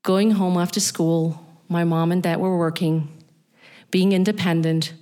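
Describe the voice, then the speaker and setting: Woman, German accent, middle-aged, spoken word monologue, unhurried, low voice. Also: steady tone, dark tone. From East Berlin, Germany. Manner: slow, deliberate, addressing listener directly.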